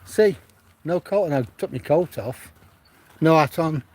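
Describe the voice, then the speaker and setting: Pitched on the high side with a darkish tone, this man talks unhurriedly. He's a retired older Mancunian who chats casually on a livestream as he walks his dog on a seaside promenade, using a phone on a gimbal. His stories are chatty and rambling, and he restarts them often.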